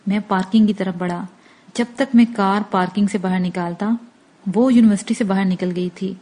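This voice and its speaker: A woman narrating an audiobook in a steady, even storytelling manner. Her voice is mellow and dark, with a warm softness in the tone. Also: medium pitch.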